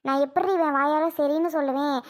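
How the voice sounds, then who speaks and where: A woman's voice: sits high, steady tone, a little fast, natural voice. A woman playing a bitter, stubborn rural mother who scolds and demands answers in a family drama skit. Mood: demanding.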